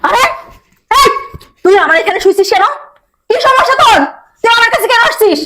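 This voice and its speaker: Woman doing a nasty scornful wife, very high and fast, fires off questions. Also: animated, a bit bright. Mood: contemptuous. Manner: taunting, rude, rapid-fire questions. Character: sharp-tongued, contemptuous young wife. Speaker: wife and daughter.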